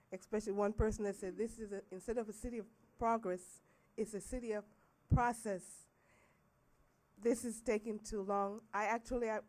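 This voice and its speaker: A woman addresses a public meeting as a resident making a comment. Her voice is hoarse from getting over the flu, and it sits at a middling pitch for a woman. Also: darkish tone.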